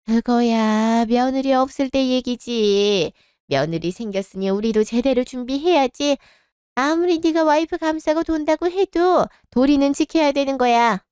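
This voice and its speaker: A woman's voice: sits high, unhurried, a little mellow, smooth, dry recording, clean studio sound. A woman voicing a stern, nagging older mother-in-law in a radio drama, scolding and overbearing. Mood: bossy.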